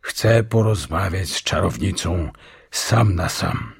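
A man voicing a great wise lion, speaking slowly and coolly in a very deep, gravelly voice. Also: sing-song, full character voice. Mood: commanding. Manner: slow, measured, cool. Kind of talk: audiobook role reading.

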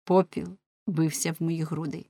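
A woman reading an audiobook voices a calm young man who confesses in a measured way. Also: low voice, no echo. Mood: grim.

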